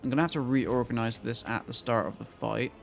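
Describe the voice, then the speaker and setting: Thinking out loud about his next moves in a strategy game, a croaky-voiced male streamer keeps up relaxed commentary for his chat. His pitch is medium and his pace slightly quick, with faint music playing behind him.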